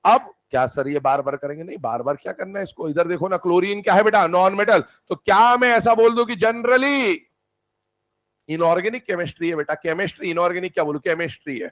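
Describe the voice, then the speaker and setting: A man teaching a chemistry lesson in a lively lecturing manner, putting questions to students and answering them himself. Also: high-pitched, a little fast, lo-fi sound. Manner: animated, calls students "beta", answers his own questions. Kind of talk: classroom lecture.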